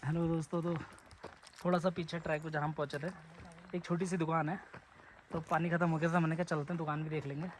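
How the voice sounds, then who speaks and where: Man, high-pitched, chatty vlogger, foggy outdoor hill trek, handheld camera mic, clear background noise. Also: flat delivery, fast, pauses often. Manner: chatty, talks to viewers while trekking. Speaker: travel vlogger. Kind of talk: casual vlog narration to viewers.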